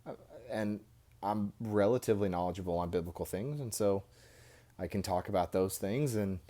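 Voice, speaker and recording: Low-voiced American man talking into headphone mic. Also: a little mellow. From Indiana, United States. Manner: informal, rambling with frequent "you know" asides. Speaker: podcast host. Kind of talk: casual off-the-cuff monologue to camera. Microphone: headphones used as mic with a phone.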